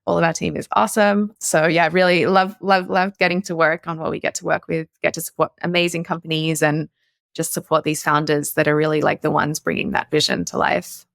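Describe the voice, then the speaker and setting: A woman's voice: sits low, little pitch movement, fairly quick, vocal fry, no room sound, clean studio sound. A woman from Australia, a guest investor on a podcast interview, chatty with many fillers and restarts.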